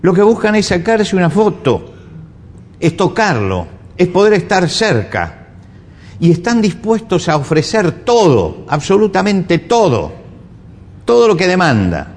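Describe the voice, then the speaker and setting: Argentine preacher with a lively delivery. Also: male voice, high voice, a little slow. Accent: Argentine Spanish. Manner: emphatic, rhetorical questions, repeats phrases. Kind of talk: sermon. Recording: echoey hall with faint ambience.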